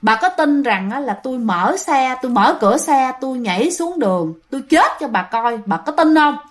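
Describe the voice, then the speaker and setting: Woman voicing a possessed teenage girl, shrieking, high-pitched, threatening. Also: expressive, normal speed. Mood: screaming.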